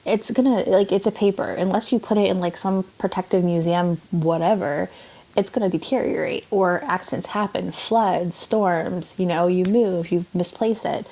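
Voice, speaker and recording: Low, gravelly-voiced woman artist. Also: fairly even intonation, moderate pace, mellow. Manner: rambling, many fillers, laughs and yawns. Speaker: artist guest. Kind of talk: casual interview chat.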